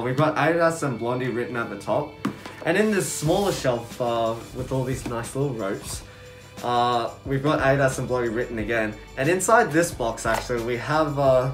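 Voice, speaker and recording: A young adult man giving a casual, laid-back product review to camera, talking through a cloth face mask. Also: medium pitch. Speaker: sneaker reviewer, video host. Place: indoors, small room at home.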